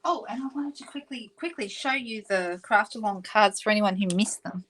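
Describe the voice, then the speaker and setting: A woman's voice: mid-range voice, normal speed, fairly bright tone, rough recording. Chatty Australian woman hosting a craft livestream. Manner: chatty, reads out viewer comments, self-correcting. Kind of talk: casual live craft demonstration.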